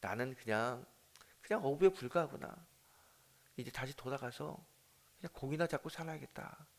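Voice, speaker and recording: A man's voice: on the high side, brisk, lightly acted. A man preaching in the voice of an ashamed, grieving fisherman disciple who reproaches himself in a sobbing lament. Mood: defeated.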